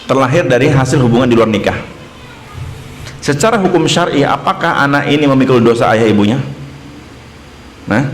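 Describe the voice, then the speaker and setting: A man's voice: mid-range voice, slight background noise. A man giving a casual Islamic study lecture in a mosque, putting rhetorical questions to his listeners. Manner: conversational, asks the audience rhetorical questions. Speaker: ustadz teaching a mosque study circle. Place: mosque hall. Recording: echoey mosque room, faint ambience.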